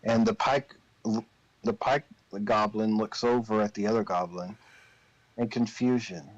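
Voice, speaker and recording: A man narrating a tabletop game as game master, improvising the story in a deliberate, pausing way. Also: on the low side, steady tone, no room sound, highs cut off.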